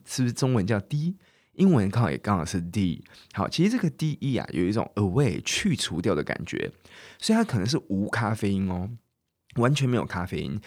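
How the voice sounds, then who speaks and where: A man hosting a podcast English lesson, chatty and casual, drilling words slowly and often asking "OK?". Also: fairly low pitch, darkish tone, no echo, clean studio sound. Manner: casual, chatty teaching in Mandarin mixed with English. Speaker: English teacher and podcast host.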